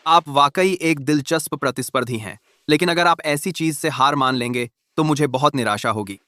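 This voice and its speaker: A man's voice: on the high side, moderate pace, pushed and bright, no echo, clean studio sound. A man voicing a confident young male company chairman who teases his rival in a dubbed drama. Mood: calm teasing.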